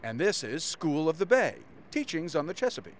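An American man reports a light TV news feature. His voice sits a little high and swings up and down in a lively, playful, punning way. There is faint city noise behind him. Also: a little fast. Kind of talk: scripted news feature narration.

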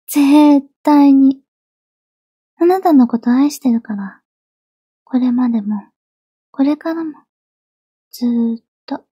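A yandere girlfriend in an ASMR role-play, high in pitch yet very dark and velvety in tone. She sounds obsessively devoted and clingy, sweet with menace underneath. The voice is close and dry. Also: no room sound, exaggerated voice. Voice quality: soft, breathy. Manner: yandere: obsessively loving, soft, pleading turning coldly threatening.

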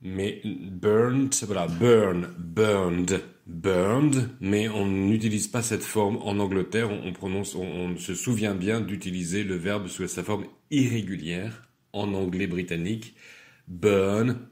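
A man teaching, reciting irregular verb forms slowly and deliberately, then explaining them in a calmer, lower tone. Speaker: English teacher.

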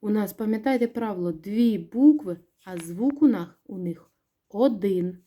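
A patient woman teacher with a Ukrainian accent talks a young class through a recorded lesson. Her voice is mellow and soft-edged, and she stretches words out to show where the stress falls, asking questions and then answering them herself. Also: mid-range voice, expressive, measured pace. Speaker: primary school teacher.

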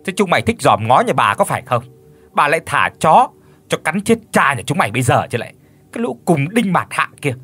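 A man voicing a cruel, spiteful young stepmother who scolds in a coarse, shrill way. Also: very animated, moderate pace, bright, forceful tone, exaggerated voice. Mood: scornful.

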